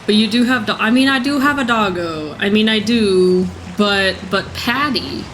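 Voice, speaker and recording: A woman streaming her playthrough of a video game, chatting casually and joking at herself, with a voice a little rough from being sick. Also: mid-range voice, moderate pace, fairly bright tone, slight background noise. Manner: chatty, self-mocking, laughs often. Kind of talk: casual let's-play commentary.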